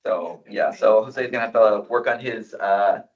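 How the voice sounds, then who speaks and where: A man chairing a student meeting who reads a resolution aloud as fast as he can, in a rushed manner. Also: lowish voice. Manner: rushed, deliberately fast reading. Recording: distant, dull meeting room audio.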